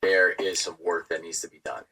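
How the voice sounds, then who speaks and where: A man giving dating advice in a played clip, in a steady lecturing way. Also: low voice, brisk, vocal fry, recorded from a distance, background noise.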